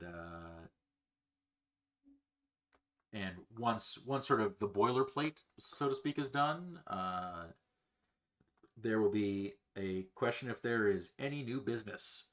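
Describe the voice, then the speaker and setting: A man with a low voice runs a tabletop game, speaking slowly and haltingly. He fills his pauses with plenty of hesitations. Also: fairly bright tone. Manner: slow, halting, many fillers. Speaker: game master. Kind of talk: narrating a tabletop game over a call.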